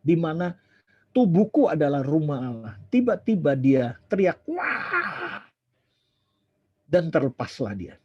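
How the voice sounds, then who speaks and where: A husky, mellow-toned man. He tells his sermon as a lively story, acting out other people's lines and slipping into English now and then. The recording is dull and lo-fi. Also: a little high, moderate pace, no room sound. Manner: chatty, animated, acts out dialogue, drops English phrases. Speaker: preacher.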